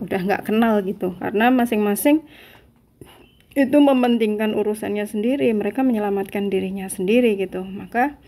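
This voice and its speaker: A woman's voice: medium pitch, gravelly, dark tone. An Indonesian-accented woman giving a religious lesson as a Quran teacher, explaining in a conversational way with frequent small confirming tags. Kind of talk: religious lesson, reciting verses then explaining them.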